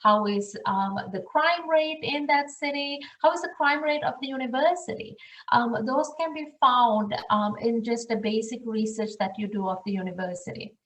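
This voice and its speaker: A woman's voice: a little high, moderate pace, a bit bright. A woman from Sri Lanka who directs international programs, giving earnest advice in a webinar presentation and asking the audience questions. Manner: earnest, advising, rhetorical questions. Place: room, recorded for an online webinar. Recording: echoey room, far from the mic.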